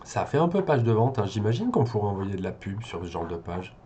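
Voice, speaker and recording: A man's voice: lowish voice, big pitch swings, fairly quick, mellow, slight background noise. A man working as an SEO consultant, thinking aloud as he reviews a website, hesitant with many fillers and restarts.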